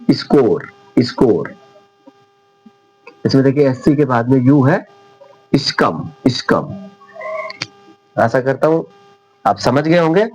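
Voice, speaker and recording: A man's voice: mid-range voice, a little mellow, dull audio. A man teaching English pronunciation in Hindi, with a sore throat, patiently spelling words out letter by letter. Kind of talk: spoken Hindi English lesson.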